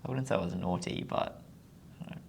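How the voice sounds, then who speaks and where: Young man from Zimbabwe, podcast guest; very gravelly, hesitant, lots of ums. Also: sits low, quick pace, slight background noise. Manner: hesitant, with frequent ums and short trailing answers. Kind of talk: casual interview chat.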